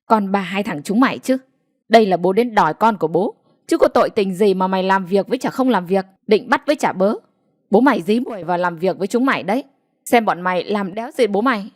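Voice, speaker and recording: A woman's voice: medium pitch, lively intonation, quick pace, dry recording, clean studio sound, lightly acted. A woman voicing a violent hot-headed young village man who curses coarsely in a storybook reading. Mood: cursing defiant. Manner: coarse, cursing, swaggering.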